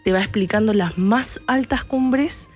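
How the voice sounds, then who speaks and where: A Chilean woman with a somewhat high voice tells travel stories in a lively, talkative way, a radio guest who laughs easily. Faint music plays under her speech. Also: unhurried, husky. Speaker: travel agency press chief, guest. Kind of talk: radio interview, enthusiastic travel talk.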